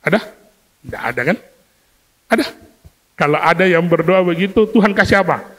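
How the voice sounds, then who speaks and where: A man preaching a sermon to a congregation, lively and questioning, acting out everyday scenes to make his point. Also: high-pitched, fairly quick. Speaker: pastor. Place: church hall. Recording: long hall reverb from a church.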